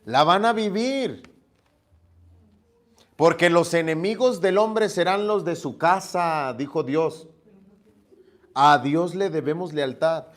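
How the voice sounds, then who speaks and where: A man's voice: fairly high pitch, slow pace. A man preaching a sermon, telling stories and acting out the dialogue in them. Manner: storytelling, acts out dialogue with lively shifts. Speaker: pastor.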